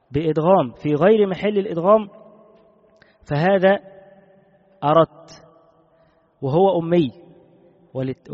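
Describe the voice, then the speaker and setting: A man teaching a classical religious law text, in a measured way that repeats key rulings. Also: on the high side. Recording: dull recording with long reverb.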